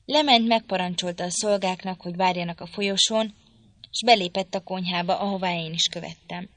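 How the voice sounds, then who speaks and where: A woman narrating a literary audiobook in a measured, even storytelling manner. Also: on the low side, no room sound. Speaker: audiobook reader.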